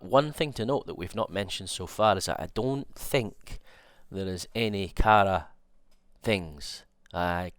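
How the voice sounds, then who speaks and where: A young man with a nasal voice and a cold, excitedly rambling through a fighting game trailer breakdown and thinking aloud with restarts. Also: deep voice, clear, resonant tone. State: has a cold. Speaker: fighting game content creator.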